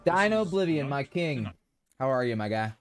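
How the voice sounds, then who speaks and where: A man's voice: mid-range voice, very animated, moderate pace, faint music behind. A young man streaming a game, chatting playfully with his viewers. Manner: playful, chatty, addresses chat. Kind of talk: casual live-stream commentary.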